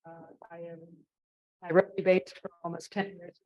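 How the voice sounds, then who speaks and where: A woman's voice: lowish voice, level tone, moderate pace, no room sound, highs cut off. Woman introducing herself on a panel. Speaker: fund managing partner, panelist. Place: conference hall. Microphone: handheld microphone.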